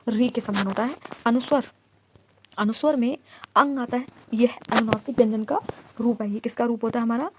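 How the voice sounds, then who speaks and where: A woman leads an exam-prep grammar lesson, asking the class questions, answering them herself, and reciting letter sounds in slow lists. Her voice is a little high, and there is background noise.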